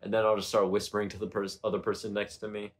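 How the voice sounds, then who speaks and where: A man's voice: fairly low pitch, little pitch movement, background noise. A young man co-hosting a podcast, joking and laughing in casual chat. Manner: laughing, joking, drawn-out delivery. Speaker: podcast co-host.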